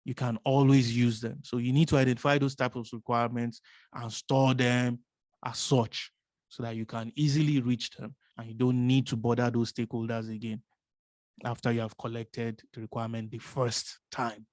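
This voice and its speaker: Male course instructor, mid-pitched, dry close sound, rhetorical teaching style with steady "right?" check-ins. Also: normal speed, no echo. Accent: non-American English. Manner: repeats "right?" often, asks rhetorical questions. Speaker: business analysis instructor. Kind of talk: explanatory course lecture.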